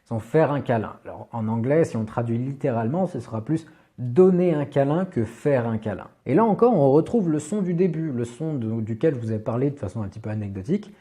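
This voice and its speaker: Teaching English pronunciation in a video, this man sounds animated yet patient and careful, sprinkling in frequent "bah" fillers at a slow pace. His mid-range voice has a dark tone.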